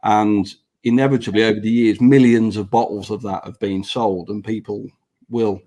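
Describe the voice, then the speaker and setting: A man's voice: fairly low pitch, fairly even intonation, moderate pace, dark tone. A man with dental braces slightly affecting his speech, chatting earnestly and swearing freely as he repeats points for emphasis. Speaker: business owner, podcast guest. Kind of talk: casual panel chat.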